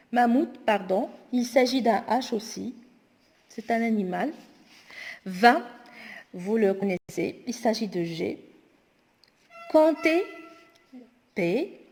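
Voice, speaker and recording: A woman teacher going through homework exercises aloud, slowly and deliberately spelling words out. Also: a little high, a little mellow. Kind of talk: spoken homework correction lesson. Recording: long echoing reverb.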